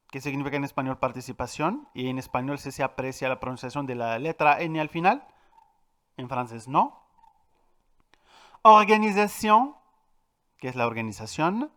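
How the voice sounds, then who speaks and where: A man teaching a French pronunciation lesson, clear and patient, repeating each example word slowly and with stress. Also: medium pitch, a bit bright. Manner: addresses viewers directly, with filler "eh". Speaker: language teacher.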